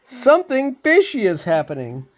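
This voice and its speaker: A man voicing a frightened fishmonger who shouts frantically, pitched well above his own voice. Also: expressive, measured pace. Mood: panicked.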